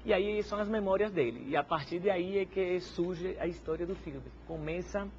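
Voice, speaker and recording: A woman, a Spanish speaker, answering in a TV interview as guest; she speaks haltingly and keeps adding little "no?" tags. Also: on the low side. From Cuba. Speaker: guest, filmmaker and museologist. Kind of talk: TV interview conversation. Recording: dull TV broadcast sound with faint hiss.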